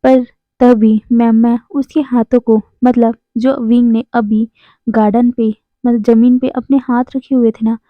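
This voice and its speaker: A woman with a slightly high voice narrates a romance story, speaking every character's lines herself. The sound is dry and thin, like a phone recording. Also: little pitch movement, measured pace, no echo. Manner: reads all dialogue in her own voice. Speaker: fanfiction narrator. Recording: dry tinny phone-like audio.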